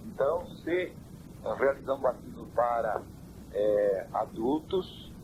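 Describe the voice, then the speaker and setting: Man, church elder, measured preaching answers, old cassette with heavy hiss, mid-range pitch. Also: expressive. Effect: old worn cassette tape. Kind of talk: interview answers. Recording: hissy worn cassette tape.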